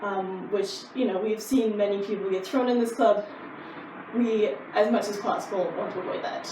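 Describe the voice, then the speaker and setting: Speaking at a normal speed in a steady, medium-pitched voice, a woman karate instructor talks through techniques informally and with ease. The sound comes from a distant mic, with roomy echo and faint noise.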